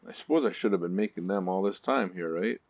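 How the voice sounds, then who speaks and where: A man's voice: low voice, fast talker, a little mellow, no echo, highs cut off. A man hosting a let's-play gaming video, telling stories in a chatty way with nervous asides.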